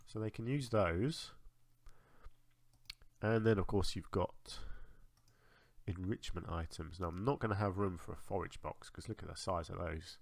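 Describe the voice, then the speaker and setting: A man's voice: deep voice, measured pace, creaky, pauses often, no room sound. A man with a blocked, congested nose, chatting casually to himself as he builds in a game. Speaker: gaming video host. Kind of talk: casual gameplay commentary.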